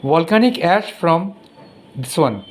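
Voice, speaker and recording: A man with an Indian English accent, a teacher giving a recorded lesson. He reads from the textbook slowly, repeats passages, and stumbles over hard words. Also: on the high side, expressive. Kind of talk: recorded classroom lesson, reading a textbook aloud.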